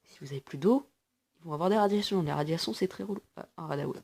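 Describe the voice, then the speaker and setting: A woman's voice: fairly low pitch, fast, gravelly, mellow. A woman giving casual gameplay commentary, chatty and explaining things to viewers with lots of fillers. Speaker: gaming video host.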